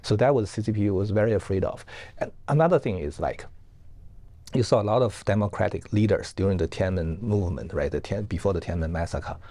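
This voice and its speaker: A man from northeast China, a professor giving earnest, halting, explanatory answers as an interview guest. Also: low-pitched, mellow, no room sound.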